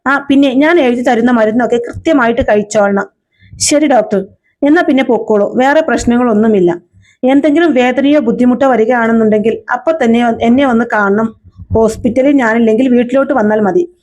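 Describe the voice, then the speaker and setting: A woman reads out a stern woman doctor, measured and lecturing. The voice sits high and is read plainly. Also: darkish tone, natural voice.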